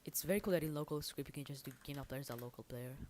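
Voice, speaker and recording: A woman with a low, darkish voice talks very fast, with a little hiss or hum in the audio. She's a livestreamer and hobby game developer chatting casually while working, thinking aloud informally and self-deprecatingly over background music and keyboard typing.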